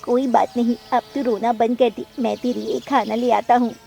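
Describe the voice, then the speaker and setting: A woman's voice: fairly high pitch, fairly even intonation, normal speed, vocal fry, dark tone, faint music behind. A woman voicing a young boy sparrow in a cartoon, caring and apologetic toward his sister. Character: gentle young boy sparrow, little brother.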